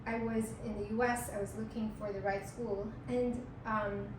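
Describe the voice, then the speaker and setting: A woman's voice: on the high side, level tone, normal speed. A woman from Hong Kong teaching a workshop, chatting casually with lots of fillers like um and like. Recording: echoey room, far mic, audible noise.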